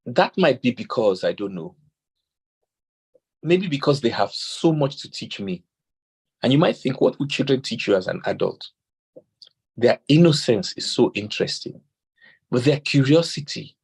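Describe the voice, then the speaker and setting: A Nigerian man with a mid-range, breathy voice and vocal fry talks about parenting at a measured pace, with long pauses. An animated storyteller, he tells stories, quotes scripture and acts out the dialogue.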